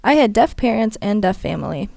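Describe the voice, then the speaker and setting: A young woman, a student interpreter, voicing a first-person story in a steady, measured way. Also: mid-range voice, vocal fry, no room sound. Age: young adult.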